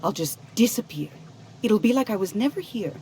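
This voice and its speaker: A woman's voice: medium pitch, animated, a little fast, dark tone, slight background noise, natural voice. An actress playing a frightened, nervously pleading young woman in a video game. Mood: terrified, pleading. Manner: nervous, pleading, stammering informant.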